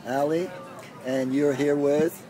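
A man casually interviewing a vendor at an outdoor farmers market, speaking in halting phrases with false starts. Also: fairly high pitch, fairly even intonation. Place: outdoor farmers market beside a parking lot. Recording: outdoor traffic noise. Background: street and vehicle sounds.

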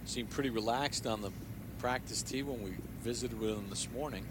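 A male golf commentator with a medium-pitched voice announces shots live. The outdoor broadcast carries clear background noise. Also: moderate pace.

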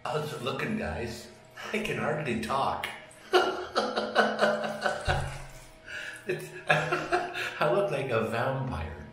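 A man's voice: mid-range voice, wildly swooping pitch, very slow, long pauses, over music. A man in his sixties narrating a casual vlog in a dental clinic, chatty and plain-spoken, laughing at himself. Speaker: vlogger.

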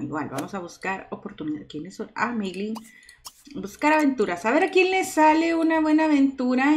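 A woman chatting through her video game as host, talking to her characters and exclaiming often. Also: fairly high pitch. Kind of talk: casual let's-play commentary. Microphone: microphone set too far off at times.

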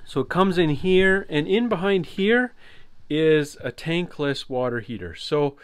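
A man giving a relaxed walkthrough of his trailer build, explaining as he goes with some fillers. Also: a little high, measured pace, clean tone, dry recording. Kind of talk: casual walkthrough tour. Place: inside a converted cargo trailer.

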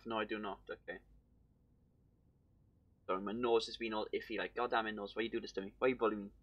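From an indoor room at home, a young man with a Welsh accent streams a game over a headset and talks loosely to his chat as he plays. His voice sits on the low side and sounds a bit bright.

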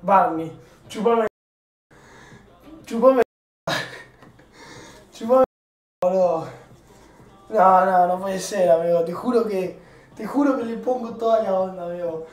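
High-voiced Argentine man, exasperated streamer. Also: takes it slowly, pauses often, far from the mic. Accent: Argentine Spanish. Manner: loud, exasperated, self-mocking, talks back to chat. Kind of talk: casual live-stream chat. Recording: roomy, from off the mic.

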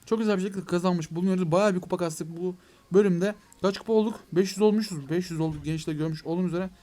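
A young man giving excitable let's play commentary on a mobile game, talking to his viewers and to the game, with mock frustration when things go wrong. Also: sits high, quick pace. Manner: excitable, addresses viewers as "gençler". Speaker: gaming YouTuber.

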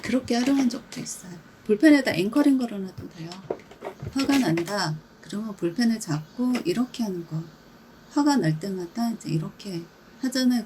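A woman coaching everyday calming habits in a casual, chatty way, acting out little scenes and laughing often. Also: mid-range voice, slight background noise, poor audio. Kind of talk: casual instructional talk.

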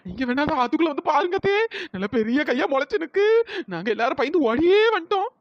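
A woman voicing a silly, cheeky young daughter-in-law in a cartoon who frightens easily, calling out in a panic, with a pitch-raised voice. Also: sing-song, fast talker, no echo. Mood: pleading. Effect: pitch-raised voice editing. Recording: dry, slightly dull cartoon voice track.

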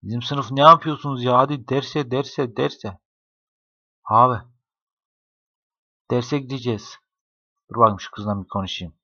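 Joking gamer, bright dry voice. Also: male voice, mid-range voice, measured pace, pauses often, dry recording. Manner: joking, talks to the game characters, laughs often. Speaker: gaming YouTuber. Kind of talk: casual gameplay commentary. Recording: dry, dull lo-fi home mic.

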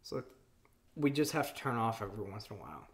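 A woman in her thirties hosts a cooking vlog from her home kitchen, talking to camera in an earnest, rambling, casual way. Her voice is very deep, sing-song and fast, picked up by a camera on the counter at mid distance.

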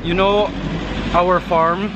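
A man in his thirties chatting casually and excitedly to the camera as he walks outdoors along a city street. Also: high voice, takes it slowly, highs cut off. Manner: animated, exclamatory, talking while walking. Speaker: vlogger. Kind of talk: casual walking vlog chat. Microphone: camera held at arm's length. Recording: outdoor city street noise, passing cars. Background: street ambience and vehicles.

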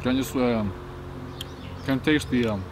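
A man's voice: medium pitch, slow, background noise. A young man making brief, hesitant remarks in a casual food review outdoors, chewing while he talks. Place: outdoors in a grassy backyard. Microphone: camera on tripod and head-mounted action camera. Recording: very loud music under the voice. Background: loud music.

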